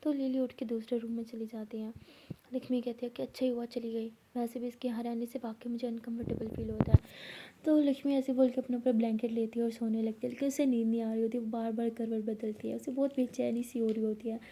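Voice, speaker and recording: A young woman narrating a love story in a casual way, speaking the characters' lines herself and often dropping to a soft whisper. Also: on the high side, little pitch movement, fast talker, a little hiss or hum. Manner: acts out both girls' lines in her own voice, often whispering softly.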